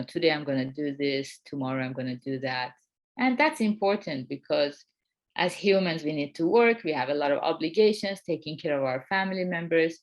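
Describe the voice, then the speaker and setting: A woman in her forties co-hosting a Buddhist webinar, telling stories with frequent light laughs. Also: lowish voice. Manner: warm storytelling with frequent laughs. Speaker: co-host of a Buddhist talk. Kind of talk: dharma talk webinar.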